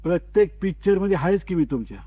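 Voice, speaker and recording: A man voicing a calm, cheeky middle-aged washerman who answers everything deadpan. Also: high-pitched, fast, husky, dry recording.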